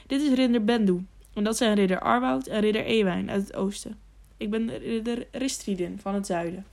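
A woman voicing a calm, commanding famous male knight who speaks in a measured, steady way, in an audiobook reading. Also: mid-range voice, creaky, lightly acted.

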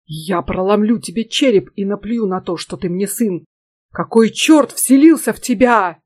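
A woman's voice: medium pitch, lively intonation, normal speed, darkish tone, natural voice. A woman reading the lines of a stern, devout old male farmer who scolds his sons. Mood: furious. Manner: gruff, scolding.

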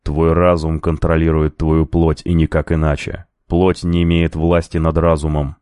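A male narrator voicing an unseen male spirit who speaks in a slow, solemn, insistent bass. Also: completely flat delivery, warm tone, clear, resonant tone, dry recording, studio quality. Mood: instructive. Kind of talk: audiobook character voice.

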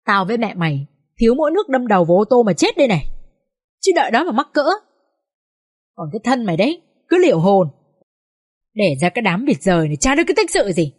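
A woman's voice: medium pitch, big pitch swings, fast, pauses often, breathy edge, dry recording, clean studio sound. A woman voicing an enraged middle-aged rural father who scolds and insults harshly. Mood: furious scolding.

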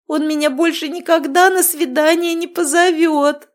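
A woman's voice: high voice, fairly even intonation, moderate pace, voice pushed up, lightly acted. A woman reading aloud, voicing a young heroine who is crying in distress. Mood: tearful.

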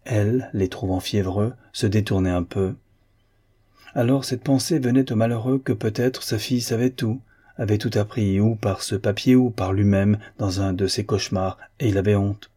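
A man narrating a classic novel in a measured, literary way as an audiobook reader. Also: lowish voice, steady tone, mellow, breathy edge.

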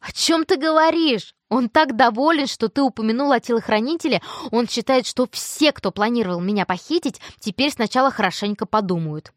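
A woman voicing an excitable teenage girl who gushes breathlessly. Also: medium pitch, normal speed, no room sound, studio quality, close to an everyday voice. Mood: ecstatic gushing. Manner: squealing, breathless gush.

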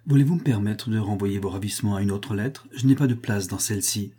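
A proud young gentleman, cool and measured , read by a man. The tone is mellow and dark with a husky edge. He speaks in short, reserved phrases in an audiobook. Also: on the low side.

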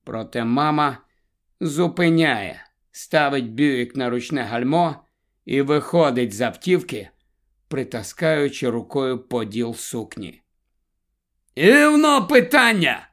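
A man narrating a story aloud in a measured, unhurried way. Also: mid-range voice. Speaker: audiobook narrator. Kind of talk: scripted narration.

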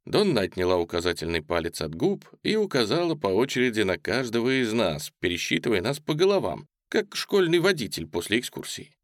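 Man, audiobook narrator, low voice, lively intonation, dry close recording. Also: fairly quick, few pauses, dry recording. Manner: expressive, storytelling. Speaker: audiobook reader.

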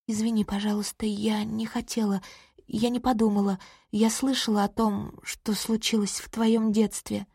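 A woman reading the part of a warm, chatty woman who is quick to apologise. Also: mid-range voice, little pitch movement, gravelly, husky, no room sound, clean studio sound. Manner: friendly, hasty, apologetic. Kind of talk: audiobook character reading.

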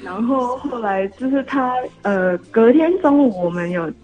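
A woman in her late twenties speaks Taiwanese Mandarin in a fairly high voice, slightly slurred by braces. She chats through a muffled phone connection, with faint music playing behind her. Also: expressive, unhurried. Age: late 20s. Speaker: call-in listener. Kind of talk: casual personal storytelling. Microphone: phone call.

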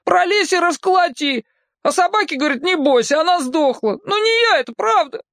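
A man's voice: very high voice, expressive, fairly quick, a bit bright, no echo, clean studio sound, pitched above the performer's own voice, full character voice. A man voicing a frightened, skinny teenage boy who whines and pleads in panic in a storybook reading. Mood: panicky pleading. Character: scared skinny teenage boy caught by kids.

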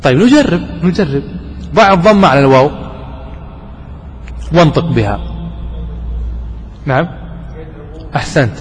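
A man's voice: fairly high pitch, very animated, normal speed, long pauses. A man, a sheikh, giving a classroom grammar lesson, quizzing his students and repeating and stressing each point. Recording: echoey hall with faint noise.

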